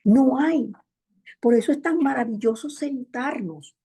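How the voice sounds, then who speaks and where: A woman preaching a Sunday sermon in a church, her voice set a little high for a woman and carrying a gravelly, husky edge. Her tone is mellow rather than bright. She builds her points through emphatic repetition and keeps calling on the brethren. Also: measured pace. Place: church in Montreal.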